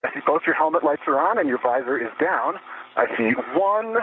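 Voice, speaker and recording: A man's voice: a little high, big pitch swings, brisk, a little hiss or hum. A man astronaut on a spacewalk, methodically calling out checklist items over the radio from inside his spacesuit helmet. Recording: tinny radio link.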